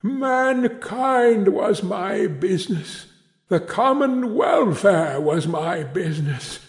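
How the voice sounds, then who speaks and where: A man's voice: sits high, big pitch swings, slow pace, pitched above the performer's own voice, full character voice. A man voicing the anguished ghost of an old businessman bound in chains, solemn and grieving as he declaims his warnings. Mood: mournful warning.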